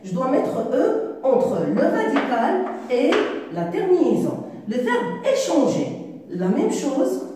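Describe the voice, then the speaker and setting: A woman's voice: high voice, very animated, slow, noisy background. A woman teaching a grammar lesson to a primary class, explaining step by step and asking questions as she goes. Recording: echoey room, voice from far off.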